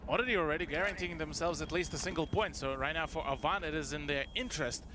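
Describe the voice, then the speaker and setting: A man's voice: fairly high pitch, fast. A man giving live esports commentary in a wordy, analytical way. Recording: faint background noise.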